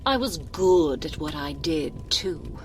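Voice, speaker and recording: Slow, haughty Lady Dimitrescu, played by a woman. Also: low voice, lively intonation, faint music behind, heavily acted. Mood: wistful, bitter. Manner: languid, haughty, theatrical, drifting into breathy near-whispers. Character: imperious, seductive aristocratic vampire lady, wounded pride. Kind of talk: intimate ASMR roleplay, theatrical monologue. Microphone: close binaural microphone.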